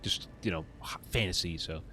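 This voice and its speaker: A man's voice: deep voice, a little fast, pushed and bright, slight background noise. A man doing casual live commentary on a video game as a streamer, slangy and rambling.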